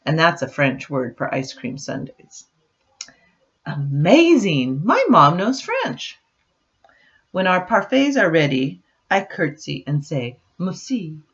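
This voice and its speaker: With a deep voice and a slow pace, an older woman reads a picture book aloud, speaking directly and expressively to her grandchildren between passages. The dull, lo-fi audio comes from a computer webcam microphone.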